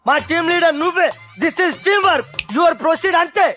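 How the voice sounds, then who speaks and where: An actor playing an excitable henchman who eggs on the gang in broken English. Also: very high voice, unhurried, soft background music, full character voice.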